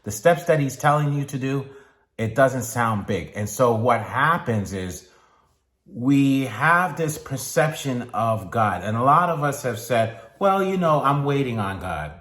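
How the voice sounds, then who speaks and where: A man giving a motivational sermon in a slow, deliberate way with long pauses. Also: mid-range voice, animated, a bit bright. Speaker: speaker. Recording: echoey room.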